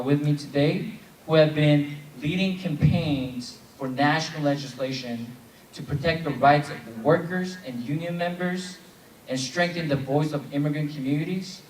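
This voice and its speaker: A young South Korean man in his twenties moderates a convention plenary, leading call-and-response chants from the stage of a large hall full of people. His voice is on the high side and a little slow. The recording is echoey, with a distant mic and crowd noise.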